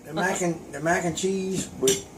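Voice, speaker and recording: A man's voice: high-pitched, steady tone, a little slow, noisy background. Blunt man taste-testing food. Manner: blunt, folksy, dry humor, talks with mouth full. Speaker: taste tester, host's husband. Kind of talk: casual chat while eating.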